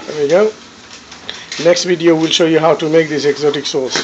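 Man commentating over a noisy kitchen. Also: on the high side. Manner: relaxed, halting, with fillers and restarts. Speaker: cooking video narrator. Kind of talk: casual live commentary on a chef cooking. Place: restaurant kitchen. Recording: dull lo-fi audio with loud kitchen noise. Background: pans sizzling and clattering.

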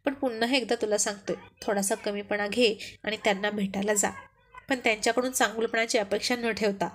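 A woman voicing a young married man who teases his close friend in gruff banter, in a spoken story. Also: mid-range voice, steady tone, fairly quick, a little hiss or hum, lightly acted. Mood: earnest.

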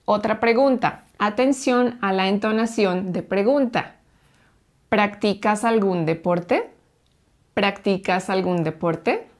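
A woman teaching Spanish, running a patient drill and sounding out each syllable clearly. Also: medium pitch, takes it slowly. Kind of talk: slow, clear language drill.

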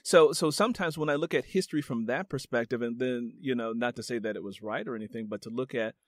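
A podcast host muses reflectively in a casual interview, leaning heavily on "you know." His medium-pitched voice moves quickly, recorded dry with studio quality.

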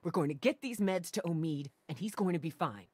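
Husky, defensive female survivor. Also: fairly low pitch, lively intonation, a little fast, warm tone, no echo. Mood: defiant. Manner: curt, insistent. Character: tough, defensive, worried woman surviving apocalypse. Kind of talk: video game voice acting.

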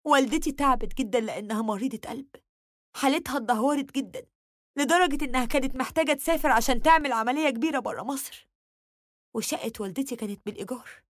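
Fast-talking Egyptian woman telling her story. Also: sits high, no room sound, studio quality. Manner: emotional, confessional. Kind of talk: first-person dramatic storytelling.

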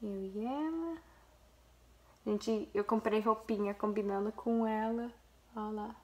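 A woman's voice: mid-range voice, slow pace, dark tone. A young Brazilian woman vlogging casually, gushing as she shows viewers a photo album and talks to them directly. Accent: Brazilian Portuguese. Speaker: vlogger, mother.

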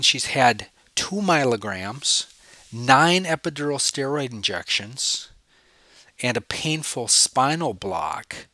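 A professor with a cold gives a recorded slide lecture on spine cases, sniffling a little as he poses questions to the listener and answers them himself. His voice sits at medium pitch with a sharp tone, and the recording is dry.

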